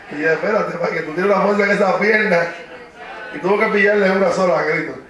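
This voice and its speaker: A man preaching a fiery sermon, shouting praise between phrases and dropping low to tell stories, recorded from far off in a church hall. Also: a little fast. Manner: drops to a low storytelling voice for anecdotes. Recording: echoey hall from far off, crowd behind.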